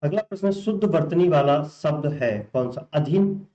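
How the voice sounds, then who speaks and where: A man's voice: a little high, lively intonation, moderate pace, dark tone. A man teaching as a Hindi exam tutor, going through spelling questions and repeating each answer back to the learners as a question. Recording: roomy, muffled recording.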